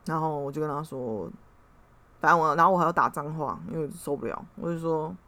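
A woman's voice: sits low, quick pace, pushed and bright. A young woman hosts a podcast and reads tarot. She tells a story in a rambling, heated way and swears when worked up. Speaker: podcast host and tarot reader. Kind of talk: casual storytelling monologue.

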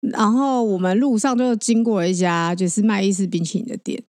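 A woman co-hosting a podcast, telling stories in a lively, chatty way. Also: medium pitch, no room sound, clean studio sound. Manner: animated storyteller, quick and chatty. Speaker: podcast co-host. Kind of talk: casual chat.

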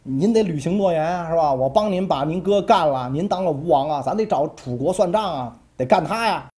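Brief: woman playing a pushy ancient minister bent on revenge, chummy and insistent, dark tone. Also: sits low, animated, fairly quick. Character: vengeful male minister, pushy, eager.

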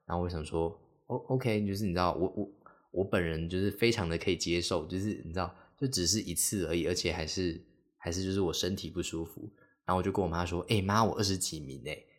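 A young man talks through a casual solo podcast in a very deep, low voice. He rambles and leans on fillers, breaking now and then into little acted-out quotes. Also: steady tone, quick pace. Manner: rambling, heavy on fillers, acts out quoted speech. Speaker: podcast host.

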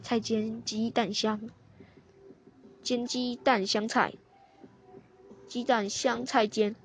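Brief: gentle old granny voiced by a woman, soft and slow, storybook. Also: a little high, little pitch movement. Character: cheerful old grandmother.

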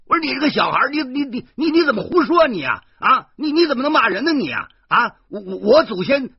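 Man putting on a brash tourist guy, very high shrill voice, stammering, quick to anger, swoops up and down, dull lo-fi sound. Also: very animated, breathy edge, no echo, exaggerated voice. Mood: indignant. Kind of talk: audiobook character voice.

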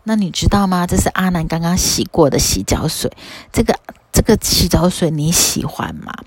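Woman playing a calm wise teacher. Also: lowish voice, normal speed, no room sound, close to an everyday voice. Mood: patient. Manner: gentle, patient questioning.

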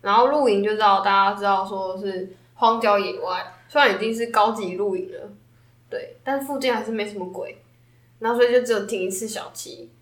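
A woman's voice: mid-range voice, steady tone, fairly quick, roomy sound. A woman, co-hosting a casual chat in a teasing, laughing manner. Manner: teasing, laughs easily, sums up topics. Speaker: podcast co-host.

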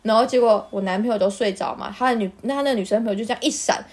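Podcast host, woman, Taiwanese Mandarin accent, animated storyteller, high and quick. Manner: animated, bursts into laughter while telling. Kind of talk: casual storytelling chat.

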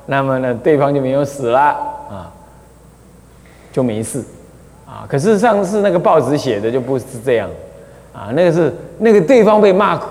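A man, a Buddhist abbot teaching a class on the precepts, talking in a chatty way with many drawn-out "ah" fillers and small chuckles. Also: medium pitch, a little mellow. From Taiwan. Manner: chatty, full of drawn-out "ah" fillers, chuckles at his own anecdotes. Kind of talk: dharma lecture explaining a scripture. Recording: long hall reverb.

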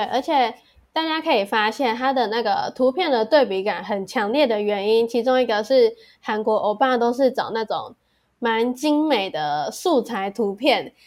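A woman with a Taiwanese Mandarin accent co-hosting a podcast in casual conversation. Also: on the high side. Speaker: podcast co-host.

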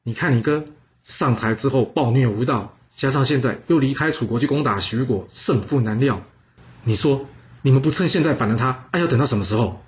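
A man's voice: medium pitch, fairly quick, lightly acted. A man voicing a scheming, persuasive adviser who coaxes and pushes hard. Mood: coaxing. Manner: coaxing, then urgent and shouting. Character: scheming persuasive male adviser, pushy and loud.

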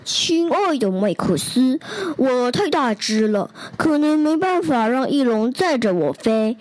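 A woman's voice: sits high, sing-song, unhurried, darkish tone, dry recording, rough recording. A woman voicing a huge, homesick young male T. rex in a storybook, earnest and wide-eyed, as if reading to a toddler. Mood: amazed. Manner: earnest, wide-eyed, simple childlike phrasing. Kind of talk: storybook character letters read to a toddler.

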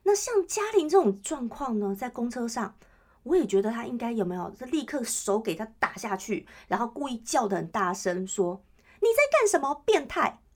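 A woman's voice: a little high, expressive, normal speed, darkish tone. A woman host, chatting on her own podcast and often checking in with listeners. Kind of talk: casual solo chat.

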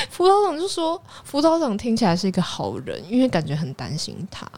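Animated young woman with a Taiwanese accent. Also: on the high side, normal speed. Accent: Taiwanese Mandarin. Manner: animated, exasperated storyteller. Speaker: podcast co-host. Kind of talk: casual storytelling chat.

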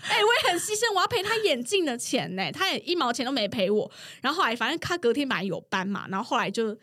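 A loud, excitable woman in her thirties hosts a podcast and tells stories in casual chat. Her voice is high, very animated and swings widely in pitch. She talks fast and laughs often. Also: dry recording, studio quality. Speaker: podcast host.

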